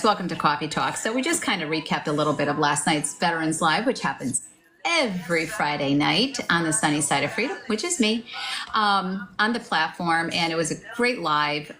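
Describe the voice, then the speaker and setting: A woman's voice: fairly low pitch, pushed and bright. A woman co-hosting a casual live online chat, talking in an encouraging, chatty way straight to her listeners. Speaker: co-host of a live online talk show.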